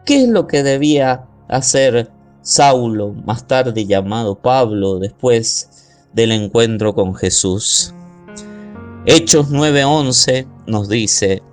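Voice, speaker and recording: A man preaching a sermon as pastor, slowly and deliberately, stretching out key words and reading scripture aloud. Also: mid-range voice.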